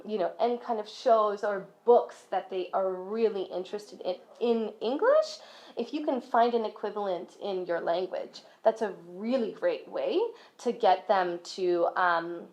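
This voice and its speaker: A woman from a school's language program talking casually to parents in a friendly, chatty way. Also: on the high side. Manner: friendly, chatty, many fillers. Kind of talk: casual presentation talk. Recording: dull lo-fi recording.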